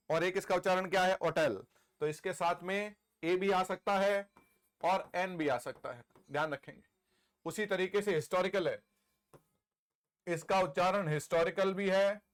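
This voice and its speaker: A man's voice: sits high, clear, resonant tone. A middle-aged man with an Indian accent teaching English grammar in a live online class, pressing students for answers and praising them.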